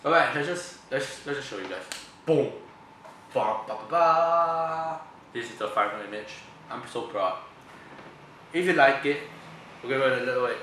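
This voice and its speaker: A man's voice: medium pitch, expressive, brisk, sharp tone. A man with a sick voice chatting loosely through his photo edits in a rambling tutorial vlog. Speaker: photo editing vlogger. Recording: echoey room with background noise.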